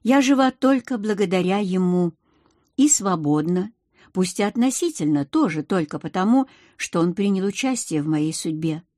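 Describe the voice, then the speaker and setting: A woman reading first-person audiobook narration in an even, measured way. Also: lowish voice, no room sound, studio quality.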